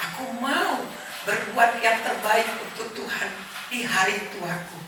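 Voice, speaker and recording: Earnest woman in her 70s, echoey hall. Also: fairly high pitch. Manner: earnest, heartfelt, with short pauses. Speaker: church member giving testimony. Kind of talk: personal testimony at a church gathering. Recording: echoey hall, distant mic, background noise.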